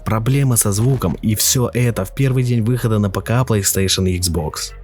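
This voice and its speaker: A man's voice: on the low side, normal speed, darkish tone. A man narrating a scripted, opinionated video essay as a game reviewer. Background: faint music.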